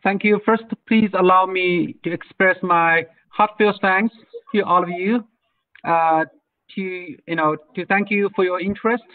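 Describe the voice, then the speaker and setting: A man's voice: sits high, fairly even intonation, unhurried, no echo, recorded from a distance. A man from Tibet giving an online lecture on birding tours, hesitant, with many fillers and restarts, heard over a video call. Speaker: guest speaker on birding tours. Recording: tinny video call audio, set back from the mic.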